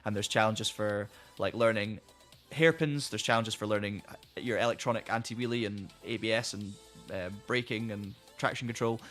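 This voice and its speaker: A man's voice: fairly low pitch, normal speed, a bit bright, soft background music. A man chatting casually on a live stream, rambling and restarting sentences as he reads out viewer comments, saying he is losing his voice. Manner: rambling, friendly, many restarts.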